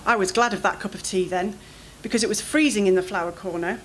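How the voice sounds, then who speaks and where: A woman reading her own first-person fiction aloud at a literary event, in an expressive, anxious storytelling manner. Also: medium pitch, fast talker, slight background noise, rough recording.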